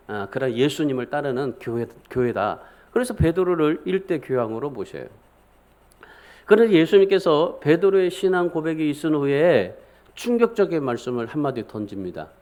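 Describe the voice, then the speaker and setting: High-voiced man preaching a sermon. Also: darkish tone. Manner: emphatic, asks the congregation questions. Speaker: pastor. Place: church sanctuary.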